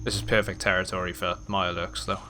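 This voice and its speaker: A man's voice: low-pitched, level tone, fast talker, pushed and bright, soft background music. A man giving casual let's play commentary, thinking aloud as he plays. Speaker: gaming YouTuber.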